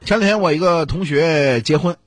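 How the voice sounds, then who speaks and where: A man telling funny stories in an animated, crosstalk-style comic chat. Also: on the high side, moderate pace, over music. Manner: animated, joking storyteller. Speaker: comic storyteller.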